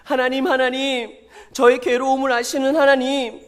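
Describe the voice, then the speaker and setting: A man's voice: extremely high pitch, little pitch movement, moderate pace, a bit bright, pitched above the performer's own voice. A man voicing a young woman tearfully praying and pleading, told in a children's sermon. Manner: earnest, imploring.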